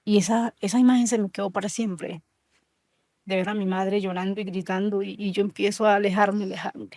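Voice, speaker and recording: Woman, 30s, from Colombia, interview guest; dark, even delivery, slow and halting, dry close sound. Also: medium pitch, dry recording. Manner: slow, halting storytelling with soft trailing lines. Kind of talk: emotional personal testimony.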